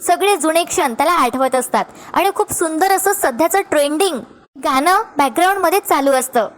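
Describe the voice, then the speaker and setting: A woman recapping a TV serial episode as a lively storyteller who keeps calling on her friends to watch what happens. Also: high voice, a little fast.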